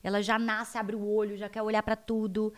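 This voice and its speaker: A woman with a Brazilian accent, a guest educator explaining child development in an animated interview. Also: mid-range voice, a little fast. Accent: Brazilian Portuguese. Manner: animated, acts out her children's voices.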